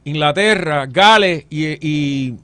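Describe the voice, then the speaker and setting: A man's voice: fairly high pitch, takes it slowly, fairly bright tone. A middle-aged man, a panelist telling anecdotes with wry, joking asides. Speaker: political panelist. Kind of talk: political panel discussion.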